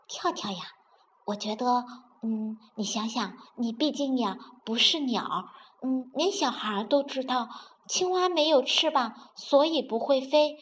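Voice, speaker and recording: A woman voicing a doubtful young male rabbit in a children's storybook, gentle and hesitant. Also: high voice, a little slow. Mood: pleading.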